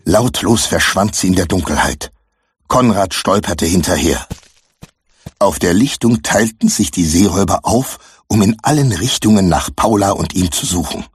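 A man reading a children's adventure story aloud with expressive scripted narration. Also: low voice, moderate pace, husky, no room sound. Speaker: audiobook narrator.

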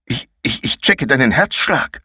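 A man's voice: mid-range voice, lively intonation, unhurried, pushed and bright, husky, no echo, clean studio sound, voice pushed up, exaggerated voice. A man voicing an anxious, bewildered schoolboy caught up in an adventure, flustered and exclaiming, with a sarcastic streak, in a storybook reading.

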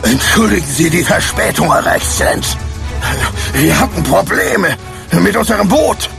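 A man's voice: high-pitched, expressive, unhurried, gravelly, music in the background, pitched above the performer's own voice, heavily acted. A man voicing a contrite male pirate henchman apologizing to his master.

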